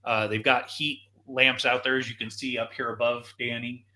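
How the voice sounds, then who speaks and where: A man's voice: medium pitch, level tone, normal speed, sharp tone. A man hosting a casual live show, enthusiastically walking viewers through video footage like a tour guide. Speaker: show host.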